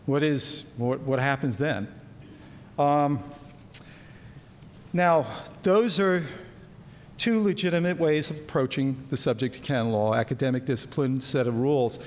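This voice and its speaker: A man giving a lecture, speaking deliberately with frequent ums and repeating key words for emphasis. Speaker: lecturer on canon law. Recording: echoey hall with faint rumble.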